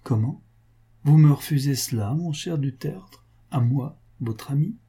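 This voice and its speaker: A man's voice: medium pitch, lively intonation, a little slow, warm tone. A man voicing a cynical wealthy male financier who coaxes with false affection and cold insistence. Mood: coaxing. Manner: wheedling, mock-jovial, coldly insistent.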